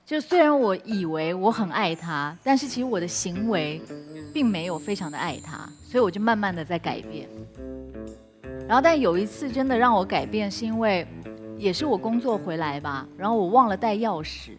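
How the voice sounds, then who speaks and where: A woman guest tells a personal story candidly, sometimes jumping high when she acts out her own outbursts. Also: animated, normal speed, over music. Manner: candid, acts out quoted outbursts with sudden high bursts and laughs. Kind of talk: emotional personal storytelling on a talk show.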